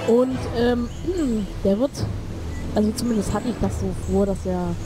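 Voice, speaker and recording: A woman with a medium-pitched, unhurried voice chats through a let's play of an online game, sounding a bit sick and short of breath. She rambles, corrects herself and cracks jokes. Loud game music plays under her voice, picked up by a desk microphone in a new recording room.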